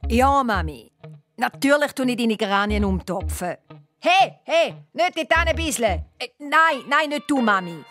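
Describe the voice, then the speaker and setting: A woman voicing a flustered adult man who owns a garden center, gruff and scolding, sweet to his mother on the phone, with a Swiss German accent. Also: high-pitched, lively intonation, normal speed, fairly bright tone, soft background music.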